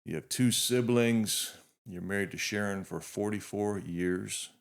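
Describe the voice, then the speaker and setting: With a creaky, fairly low voice and an unhurried delivery, a fifty-year-old man hosts a podcast. His introduction of the guest is heartfelt, earnest, and reflective, marked by frequent restarts.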